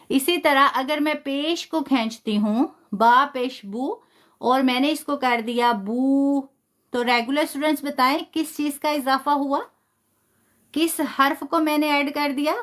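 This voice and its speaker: A woman teaching a live online Quran recitation lesson, patiently spelling out sounds slowly and praising her students. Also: sits high, fairly bright tone.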